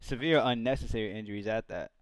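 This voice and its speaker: A man's voice: on the low side, quick pace, clear, resonant tone, no echo. A man in his twenties, co-hosting a casual podcast, joking around playfully and often repeating himself. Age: 20s. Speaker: podcast co-host.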